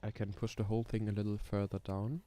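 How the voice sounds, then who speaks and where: A young German man speaks English with a German accent, his voice a little low. Streaming casually while building roller coasters, he muses aloud in a relaxed, unhurried way, with frequent ums and soft laughs as keyboard clicks sound behind him.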